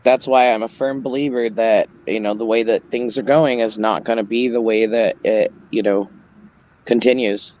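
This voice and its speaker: A man's voice: medium pitch, fairly even intonation, moderate pace, a little mellow, slight background noise. Agreeable man chiming in, muffled audio. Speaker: chat participant. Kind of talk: casual group chat.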